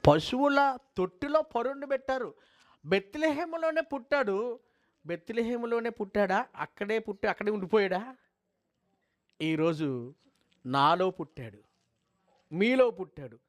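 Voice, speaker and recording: Male preacher, high voice, fervent, quizzes the crowd with rhetorical questions, repeats himself for emphasis. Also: lively intonation, moderate pace, long pauses. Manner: fervent, swings between high and low pitch. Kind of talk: sermon and closing prayer.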